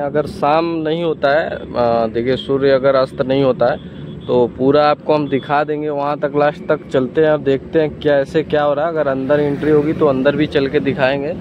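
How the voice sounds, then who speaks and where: A young man chatting casually to viewers in a walking vlog, filmed outdoors on a phone held at arm's length. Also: on the high side. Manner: chatty, addresses viewers directly. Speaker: vlogger. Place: outdoors by a highway and fields. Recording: dull lo-fi phone audio, faint outdoor noise.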